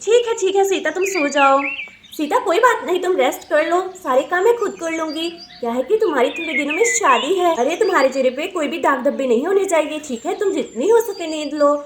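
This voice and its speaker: A woman's voice: high-pitched, expressive, a little fast, slight background noise. Woman voicing a fussing village mother. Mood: caring. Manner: fussing, scolding tone. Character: caring village housewife, mother of a girl. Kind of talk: doll story play-acting.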